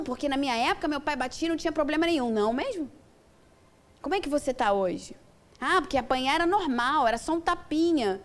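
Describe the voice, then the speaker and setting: A Brazilian woman with a bright, high voice teaches a parents' course in the easy tone of a spiritist talk. She pours out rhetorical questions and acts out little quoted exchanges. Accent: Brazilian Portuguese. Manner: conversational and expressive, full of rhetorical questions.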